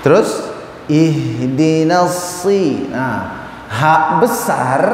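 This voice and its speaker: A man teaching a group of men to recite, chanting verses slowly and then correcting their pronunciation in quick, everyday speech. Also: fairly high pitch. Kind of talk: tajwid lesson to a group of men. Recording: echoey hall with faint room noise.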